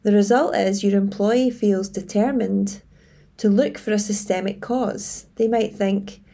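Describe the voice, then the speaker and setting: Female coach presenting structured advice, measured and tidy, with a mellow tone and gravelly fry. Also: mid-range voice, steady tone. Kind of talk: scripted advice presentation to camera.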